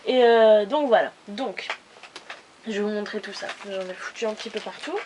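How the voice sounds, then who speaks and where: A woman's voice: mid-range voice, normal speed, noisy background. A woman chatting casually in a haul video, rambling with many fillers and restarts. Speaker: beauty vlogger.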